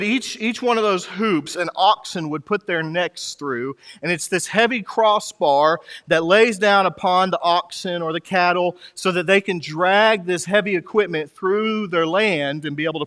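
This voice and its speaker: A man's voice: sits high, fairly bright tone. A man preaching a sermon as pastor, impassioned, with his voice rising and falling. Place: church sanctuary. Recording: reverberant hall.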